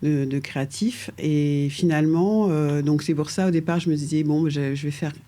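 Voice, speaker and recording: This mellow, deep-voiced middle-aged woman is a guest architect in a casual conversational interview. Her speech halts, full of fillers and restarts, with light laughter; she comes from France and grew up in Paris from age two.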